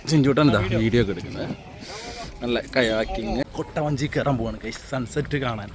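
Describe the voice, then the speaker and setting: A man's voice: mid-range voice, brisk. Kerala man vlogging in Malayalam-English mix, chatter behind. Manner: Malayalam mixed with English slang; repeats exclamations and catchphrases. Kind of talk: casual excited vlog narration to viewers. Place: outdoors, in a small boat on water.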